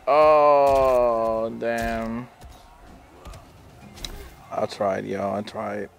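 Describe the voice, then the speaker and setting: Gravelly man trash-talking through gameplay. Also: mid-range voice, extremely slow, a little hiss or hum. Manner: excitable trash talk with swearing and taunts; nervous self-talk and sighs when losing. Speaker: gamer commenting on his online fighting game matches. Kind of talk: casual gameplay commentary.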